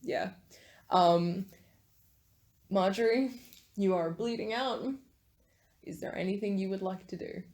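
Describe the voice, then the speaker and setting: A woman's voice: medium pitch, slow, long pauses, a little mellow, roomy sound. A woman narrating as game master of a tabletop horror game, hesitant with many fillers.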